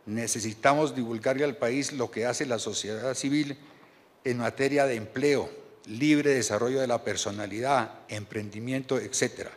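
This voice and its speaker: A man, reading a measured and earnest formal speech from notes at a podium microphone in a large banquet hall. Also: mid-range voice, fairly even intonation. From Colombia. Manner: measured and earnest, reads from paper with small restarts. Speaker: board chairman giving a speech. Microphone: podium microphone on a stand.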